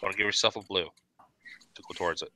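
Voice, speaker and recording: A man's voice: low voice, fairly even intonation, fast talker, bright, forceful tone, a little hiss or hum. A man running a tabletop role-playing game, setting scenes like a camera panning and often repeating words as he goes. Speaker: game master.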